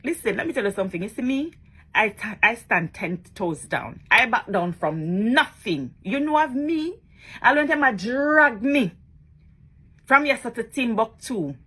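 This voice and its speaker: A social media blogger chats casually to her followers in a vlog, emphatic and frequently tacking on questions. Her voice is on the high side, a bit bright with a breathy edge, animated, at a moderate pace.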